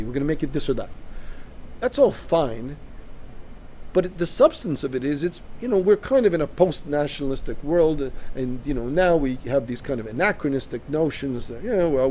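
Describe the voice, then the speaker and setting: Canadian man, co-host type, talks emphatically and keeps asking "right?", warm higher voice, light noise behind. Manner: emphatic, interjects with repeated "right?". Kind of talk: casual discussion.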